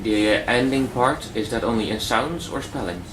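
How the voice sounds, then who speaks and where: A man's voice: mid-range voice, normal speed. A male student hesitantly asking his teacher a question in class. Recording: echoey classroom with noise.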